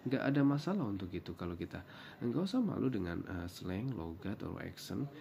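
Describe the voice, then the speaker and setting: A Javanese-accented man from Java, Indonesia, gives casual vlog tips, switching between English and Indonesian with many hesitant fillers. His voice is low-ish, sing-song, and fairly quick with vocal fry, and background noise is audible.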